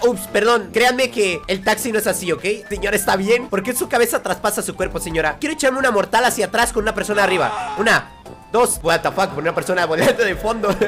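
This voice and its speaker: Young male streamer, loud and excitable, jokey let's-play host. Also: high voice. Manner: loud, excitable, jokey, shouts and laughs a lot. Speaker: gaming streamer.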